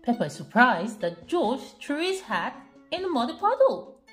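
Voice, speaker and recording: In a home kitchen with faint children's music playing, a mother reads a picture book aloud to her young child, asking questions, encouraging her, and repeating the child's answers. Her voice is fairly high and sing-song at a moderate pace.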